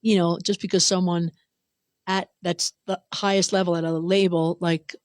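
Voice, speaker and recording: A woman's voice: lowish voice, little pitch movement, moderate pace, no echo, clean studio sound. A woman guest on a radio show, talking loosely with lots of "you know" and "like". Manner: loose, filler-heavy, says "you know" and "man". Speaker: singer-songwriter guest. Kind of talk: casual interview chat. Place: radio booth.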